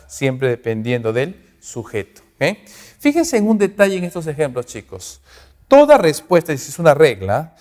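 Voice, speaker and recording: A man's voice: mid-range voice, darkish tone. Male language teacher, mid-range voice, patient explainer, long room echo. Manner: explains slowly, checks in often with "¿ok?" and "¿no?"; sounds out English examples slowly and carefully. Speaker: English teacher. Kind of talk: recorded online grammar lesson.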